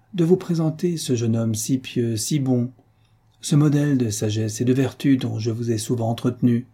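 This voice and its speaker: A man voicing an unctuous, scheming older priest in an audiobook, stern and smooth-talking. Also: medium pitch, mellow, close to an everyday voice.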